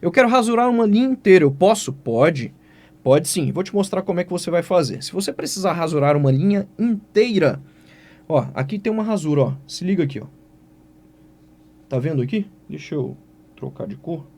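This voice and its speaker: Brazilian guy teaching exam prep, fires questions at himself n answers them, kinda high voice. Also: fairly quick. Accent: Brazilian Portuguese. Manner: lively, asks and answers his own questions. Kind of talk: exam-prep writing lesson.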